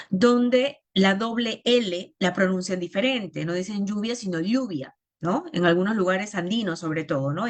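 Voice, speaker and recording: Woman teaching phonetics. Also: medium pitch. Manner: explanatory, checks in with listeners. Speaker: language therapy teacher. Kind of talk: lecture explaining phonetics.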